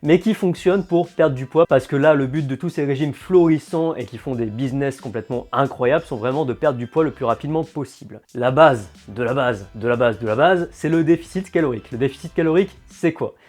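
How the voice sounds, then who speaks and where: A man, a fitness and nutrition coach, talking straight to the viewer in a casual explainer vlog with lively, direct, sarcastic asides. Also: a little high, quick pace, hardly any pauses, soft background music.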